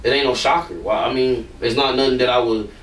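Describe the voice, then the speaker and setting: A man's voice: medium pitch, steady tone, quick pace, fairly bright tone, far from the mic, a little hiss or hum. Blunt, rambling man in an echoey room. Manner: blunt, rambling, swears freely. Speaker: rapper. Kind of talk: casual interview talk.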